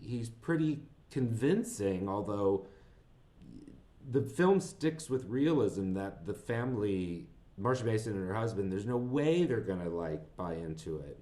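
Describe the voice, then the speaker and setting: Man casually rambling about movies. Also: on the low side. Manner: rambling, animated, laughs while retelling scenes. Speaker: podcast co-host. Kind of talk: casual film discussion.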